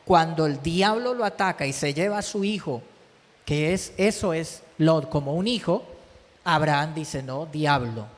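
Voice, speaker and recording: A Colombian man preaching a sermon as pastor. He drives his points home with repetition and keeps checking in with his listeners through quick tag questions. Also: on the high side. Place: church hall. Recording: church hall with long reverb.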